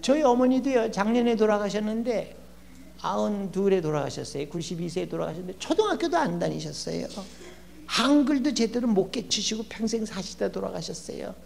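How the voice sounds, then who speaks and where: A gravelly older man giving a lively, humorous lecture as a guest educator in a church. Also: high-pitched, brisk. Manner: lively, acts out quoted people with shouting and laughs. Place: church hall. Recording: long church hall reverb, faint hum.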